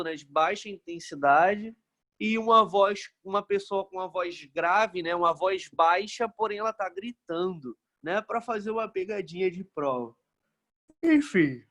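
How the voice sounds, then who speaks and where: A man's voice: sits high, a little slow, a bit bright. A man from Brazil, teaching a physics lesson in a casual, joking way and checking in with the class after nearly every phrase.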